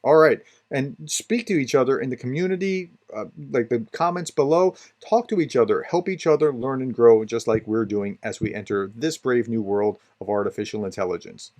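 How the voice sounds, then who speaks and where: A man's voice: mid-range voice, moderate pace, few pauses, a little mellow. Chatty man hosting a tutorial. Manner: chatty, explains while clicking through. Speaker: tutorial host. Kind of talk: casual screen-share tutorial.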